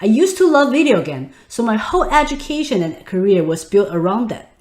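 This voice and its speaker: Taiwanese accent lady in her 30s teaching a webinar, lively up and down voice, kinda echoey room. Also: fairly high pitch, a little fast. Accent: Taiwanese Mandarin. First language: Mandarin. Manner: instructive, addresses the audience directly. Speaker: webinar host. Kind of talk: online webinar presentation.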